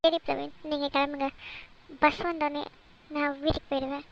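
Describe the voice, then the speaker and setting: Woman doing a cartoon heroine, young woman, kind, heartbroken, very high voice, muffled lo-fi. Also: flat delivery, fairly quick, vocal fry. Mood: resigned. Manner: tearful, resigned, gentle. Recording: dull lo-fi recording.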